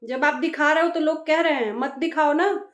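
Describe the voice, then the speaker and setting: Woman vlogger, high voice, roomy echo, lecturing and exasperated. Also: moderate pace, lo-fi sound. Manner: scolding, exasperated, repeats phrases for emphasis. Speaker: YouTube reaction vlogger. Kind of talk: lecturing reaction monologue.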